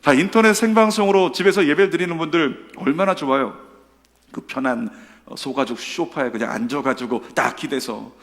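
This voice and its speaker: A male pastor delivers a Sunday sermon in a church sanctuary, his voice rough and gravelly. He swings between loud emphatic calls and hushed, slow, tender lines, and the hall adds a long, ringing echo. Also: fairly high pitch.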